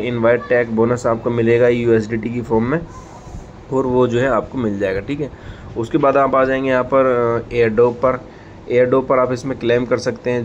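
A man gives a relaxed, step-by-step voice-over for an app tutorial, padding his sentences with the same fillers again and again. His mid-pitched voice comes through slightly dull, lo-fi audio. A faint noise sits under the whole recording. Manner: repetitive fillers, frequent "ठीक है". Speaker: tech tutorial host. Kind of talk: casual screen-recorded app walkthrough.

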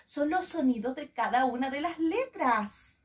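A woman teacher giving a children's phonics lesson, sounding out letters slowly in a sing-song way. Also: high-pitched, animated, distant mic.

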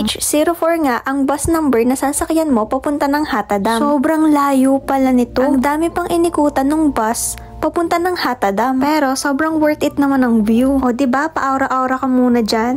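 High-voiced chatty woman vlogger. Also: normal speed, soft background music. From Philippines. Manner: chatty, excited, mixing English into Tagalog. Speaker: travel vlogger. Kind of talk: voice-over travel vlog narration.

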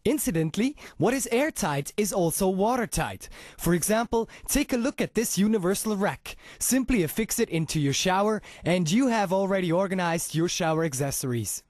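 A man narrating a scripted hard-sell infomercial as an announcer, with an emphatic pitch full of rhetorical questions. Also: expressive, moderate pace, hardly any pauses, darkish tone, no echo, clean studio sound.

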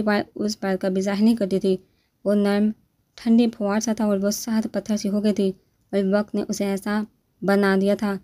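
A woman narrates a romance novel aloud, reading steadily with a dramatic touch. Her voice is mellow and warm, pitched in a middle range for a woman.

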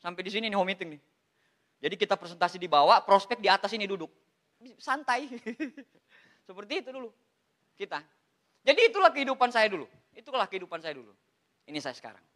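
A man with an Indonesian accent giving an animated, joking seminar talk to an audience, often calling listeners "Pak". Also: sits high, fast, long pauses. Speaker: motivational speaker at a business seminar.

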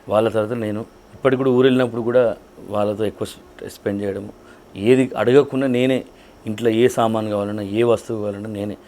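A man in his thirties with a Telangana Telugu accent, an event organizer and mimicry artist answering interview questions in a casual, lively storytelling way. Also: lowish voice, slight background noise. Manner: lively storytelling with colloquial dialect.

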